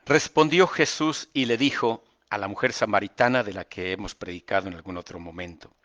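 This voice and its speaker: A man teaching a Bible lesson, reading verses slowly and with emphasis, then explaining them casually with fillers. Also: lowish voice, a bit bright.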